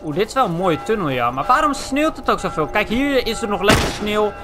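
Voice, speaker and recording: A young man from the Netherlands giving excitable, foul-mouthed let's play commentary, tossing in English slang. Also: high-pitched, a little fast, loud music behind the voice. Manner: excitable, swears a lot, drops English slang. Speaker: gaming channel host.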